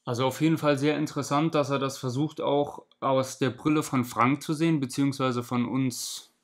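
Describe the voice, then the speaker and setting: A man in his thirties at home indoors, giving a measured, explanatory reaction commentary on a video. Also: medium pitch, fairly even intonation.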